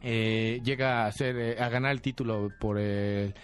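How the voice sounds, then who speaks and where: A man's voice: medium pitch, steady tone, unhurried, clean tone, faint music behind. Mexican man, earnest interview guest. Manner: earnest, many fillers, storytelling. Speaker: actor guest. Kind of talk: interview talk.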